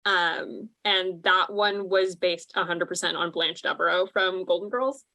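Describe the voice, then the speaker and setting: A woman's voice: fairly low pitch, fairly even intonation, measured pace, pushed and bright. A woman, a musical theatre actor, chatting casually on a cast panel and giggling often between her thoughts. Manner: chatty and giggly, with many fillers. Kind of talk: casual chat.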